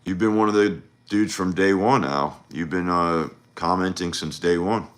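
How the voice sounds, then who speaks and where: A man with a low, deep voice talks casually on a livestream. He rambles freely, restarting sentences and dropping in "you know" and "like" as he coaches. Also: steady tone, normal speed. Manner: loose, rambling, with frequent fillers and restarts. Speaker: dating coach. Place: home livestream.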